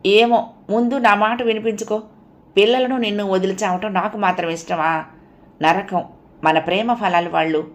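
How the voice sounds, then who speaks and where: A woman voicing a frightened, devoted family man shaken by a nightmare, pleading and agitated, her voice raised and louder. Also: medium pitch, steady tone, moderate pace, close to an everyday voice. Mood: fearful, pleading.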